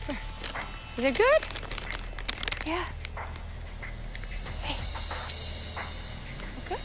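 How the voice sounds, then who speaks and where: High-pitched, very animated, and very slow, this animal rescue shelter owner in her middle years speaks bluntly with casual fillers. She wears a lapel mic outdoors in open fields and lots for reality TV interviews and on-location talk, with music playing underneath.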